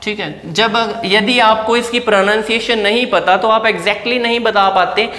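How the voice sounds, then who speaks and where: A man's voice: high-pitched, unhurried, sharp tone. A male teacher explaining an English lesson in a classroom, talking step by step and asking the class rhetorical questions. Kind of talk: classroom lecture. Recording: echoey room with long reverb.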